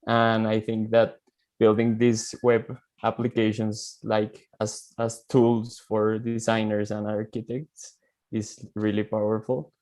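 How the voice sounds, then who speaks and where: Flat-voiced man from Colombia. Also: lowish voice. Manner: eager, uses like as filler. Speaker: design student. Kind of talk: self-introduction on a video call. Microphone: video call.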